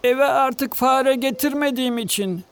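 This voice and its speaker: A man's voice: very high-pitched, measured pace, smooth, pitched above the performer's own voice. A man voicing an old, downtrodden cat in a storybook, whiny and tearful.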